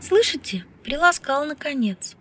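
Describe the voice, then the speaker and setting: A woman's voice: high voice, expressive, moderate pace, slightly rough, voice pushed up. A woman reading an audiobook, voicing a bold, flirtatious, outspoken woman who teases freely. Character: brash, lively flirtatious woman scientist.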